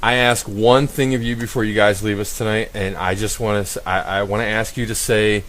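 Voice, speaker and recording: A man's voice: on the low side, steady tone, a little fast, fairly bright tone. A man hosting a radio interview show, rambling and enthusiastic and full of fillers.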